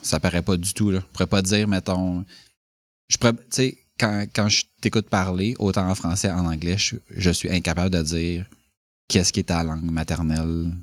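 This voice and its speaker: Rambling Quebec French man, low voice. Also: steady tone, normal speed, no echo. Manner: rambling, full of fillers and restarts. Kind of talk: casual conversation.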